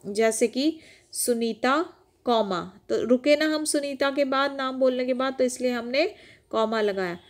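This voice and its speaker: A young woman with a fairly high voice teaches a children's lesson. She explains patiently and asks the class questions. She goes back over each point slowly.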